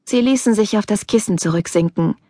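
A woman narrates an audiobook in a measured, even manner. Her mid-pitched voice is recorded close and completely dry. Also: dry recording. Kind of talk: scripted narration.

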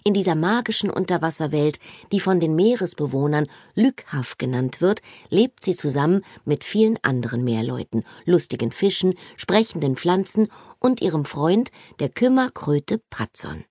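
A woman narrating a children's audiobook in a lively, expressive storytelling manner. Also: deep voice, moderate pace, no echo, clean studio sound.

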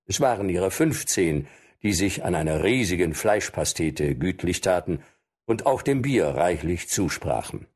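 A man reading a classic adventure tale aloud as an audiobook narrator, in an expressive storytelling manner. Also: low voice, husky. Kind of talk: scripted narration.

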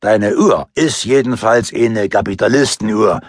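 A man's voice: on the low side, measured pace, no echo, clean studio sound. A man voicing a male robber sidekick with a club, sarcastic and combative.

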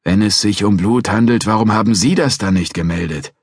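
A man voicing a gruff male police detective who is blunt and impatient, questioning insistently. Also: lowish voice, fairly quick, a little mellow, no echo, clean studio sound, voice pushed up.

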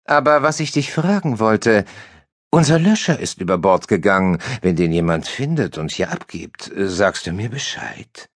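A man's voice: lowish voice, very animated, moderate pace, no room sound, clean studio sound. A man voicing a slim blond woman who sails, sweet-talking and sly in a comic audiobook. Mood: sugary.

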